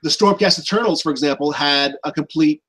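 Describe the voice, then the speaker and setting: A man's voice: fairly high pitch, brisk, bright, forceful tone, rough recording. A man talking as a guest on a tabletop gaming show, explaining in a conversational way with frequent fillers. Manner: conversational, frequent "you know". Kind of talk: casual hobby gaming discussion.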